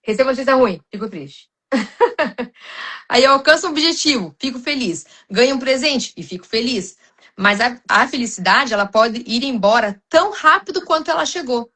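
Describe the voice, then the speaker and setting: Uma mulher brasileira, com sotaque brasileiro, fala com sinceridade em um podcast cristão, com muitas hesitações e recomeços. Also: female voice, fairly high pitch, animated, moderate pace, a bit bright. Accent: Brazilian Portuguese. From Brazil. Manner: earnest, many restarts and fillers, addresses listeners as "gente". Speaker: podcast guest.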